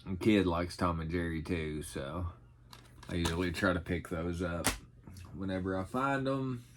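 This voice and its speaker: In a casual haul video, a middle-aged vlogger rambles about his thrift finds with folksy, self-deprecating charm. He talks a little slowly in a low-pitched voice, with slight background noise behind him.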